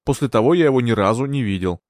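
A man playing a young gentleman accused of murder, pleading and indignant. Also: mid-range voice, expressive, fast talker, no room sound, studio quality, lightly acted.

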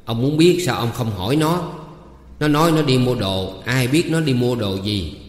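A man's voice: lively intonation, normal speed, close to an everyday voice. A man putting on a nagging old woman. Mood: scolding. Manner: scolding, shrill and loud. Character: sharp-tongued old woman, nagging mistress. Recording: roomy with long reverb.

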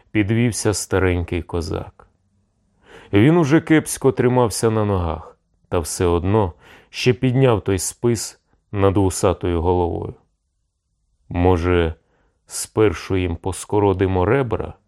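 A male narrator reads an adventure tale in a steady, storytelling manner. His voice is very low and deep, calm through long passages. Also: unhurried. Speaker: audiobook narrator. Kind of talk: scripted narration.

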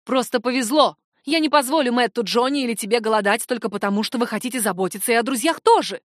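A woman voicing a stern, fearful middle-aged mother who scolds in a sharp, commanding way. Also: on the high side, quick pace, no echo, clean studio sound, natural voice. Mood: fierce.

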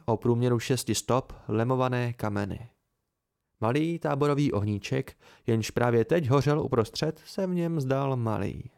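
A man narrating an amateur audiobook in a steady first-person storytelling manner. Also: medium pitch, gravelly. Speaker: audiobook reader.

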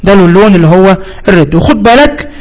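A man with an Egyptian Arabic accent giving a spoken software tutorial, explaining step by step with repeated terms and hesitant fillers. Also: high-pitched, animated, racing, poor audio. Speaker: computer instructor.

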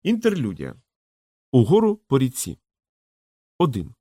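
A man narrating a fantasy audiobook in a steady, measured storytelling voice. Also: mid-range voice, no room sound. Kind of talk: scripted narration.

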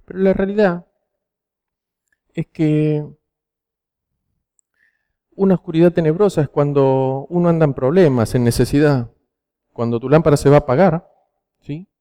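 Argentine preacher, mellow storytelling voice. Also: male voice, a little high, moderate pace, long pauses. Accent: Rioplatense Spanish. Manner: storytelling, frequent rhetorical "¿sí?" checks. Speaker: youth preacher. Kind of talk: sermon to teenagers.

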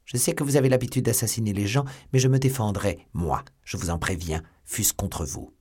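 A sardonic, steely English nobleman, as a male audiobook reader voices him. The voice is deep and husky, close to the reader's own. He speaks in a measured, quietly mocking tone. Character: stern English baron, sly and mocking. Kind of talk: audiobook character voice.

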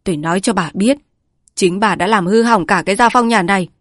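A woman voicing a bitter middle-aged village man who heads the family, raging in a storybook reading. The voice pushes louder and a little higher than plain narration. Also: fairly quick, no room sound, clean studio sound. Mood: enraged.

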